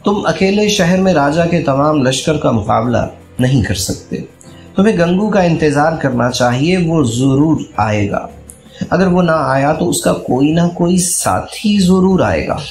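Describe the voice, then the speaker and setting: A man voicing a steady young woman who speaks in a measured, reasoning way, in an echoey room with faint music. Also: a little high. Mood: calm. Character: calm, steady young woman, a feverish companion.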